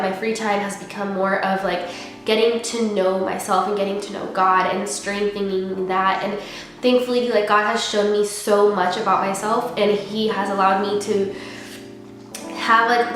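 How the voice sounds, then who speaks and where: Her voice is medium-pitched and a bit bright, though congested from a cold. The young vlogger talks casually and earnestly, often saying "like," in a reflective video shot indoors in a bare, echoing apartment room with music underneath.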